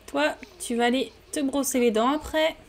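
A woman chatting casually while playing a life-simulation game, talking to her characters and getting excited at home at her microphone. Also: high-pitched, normal speed, creaky, a little hiss or hum. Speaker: gaming YouTuber. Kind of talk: casual let's-play commentary. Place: home room. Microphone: desk microphone.

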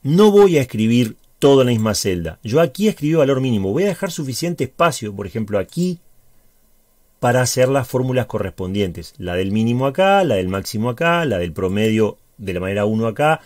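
Speaking fairly quickly in a sing-song, darkish voice, a Uruguayan Spanish-accented man who teaches high school gives a talkative spreadsheet tutorial. He explains each step and frequently checks in with the viewer, and there's no echo.

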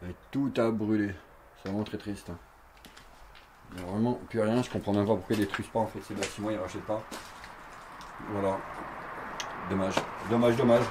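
The background is noisy as a man with a fairly low, steady voice talks a little fast and pauses often. In his forties, this urban explorer vlogger walks an abandoned burned campsite outdoors, casually narrating to a handheld or chest action camera in a chatty, rambling way with many fillers and repeats.

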